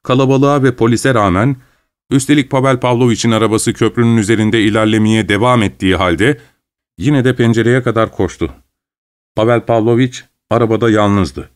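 A man narrating a classic novel as an audiobook, his voice in a middle register. His delivery is measured and steady, carrying the story line by line. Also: medium pitch.

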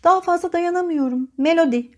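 A woman's voice: high-pitched, normal speed. Woman reading as an exasperated, fed-up mother. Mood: angry. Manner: sharp, scolding, fed up. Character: exasperated, worn-out middle-aged mother.

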